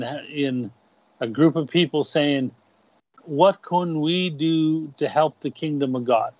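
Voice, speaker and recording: A man preaching a sermon and reading scripture aloud, speaking deliberately and often restarting his phrases. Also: on the high side, no echo, lo-fi sound. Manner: slow and deliberate, repeats words when restarting.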